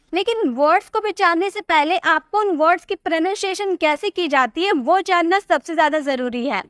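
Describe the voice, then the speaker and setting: A woman's voice: very high voice, fairly bright tone, no room sound, clean studio sound. A woman with a Hindi accent teaching an English pronunciation lesson, asking questions and answering them herself. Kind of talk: pronunciation lesson explaining rules.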